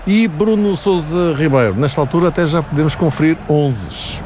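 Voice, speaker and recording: Male sports anchor, European Portuguese, fairly high voice, noticeable noise behind him. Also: lively intonation, moderate pace. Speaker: radio sports presenter. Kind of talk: live sports show anchoring. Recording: noisy live broadcast.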